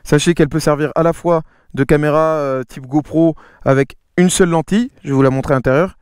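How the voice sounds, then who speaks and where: A man's voice: a little high, steady tone, quick pace, a little mellow, smooth, dry recording, clean studio sound. A man presents gear in an offhand vlog style. He is slangy and sweary, and hesitates as he explains things. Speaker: vlogger presenting a camera. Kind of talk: casual hands-on product presentation.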